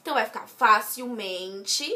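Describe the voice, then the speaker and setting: Woman, slow unhurried delivery, casual tutor explaining rules step by step. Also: on the high side, pushed and bright. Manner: explains step by step, with restarts and "certo?" checks. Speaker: student tutor.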